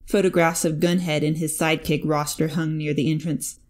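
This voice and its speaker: Low-pitched woman reading fanfic aloud, steady and even. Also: brisk. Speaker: fanfic reader. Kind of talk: audiobook narration.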